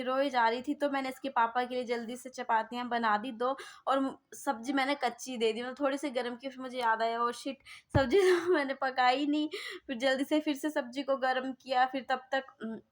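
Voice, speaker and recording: A young woman from Himachal Pradesh telling a casual vlog story about caring for her baby, rambling with many fillers and restarts. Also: high voice. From Himachal Pradesh, India. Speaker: vlogger mother.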